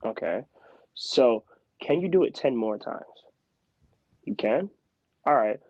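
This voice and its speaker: A young man in his twenties from Philadelphia, a guest in a casual interview, telling stories in an animated, emphatic way. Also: medium pitch, slow, dry recording. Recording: slightly dull, muffled sound.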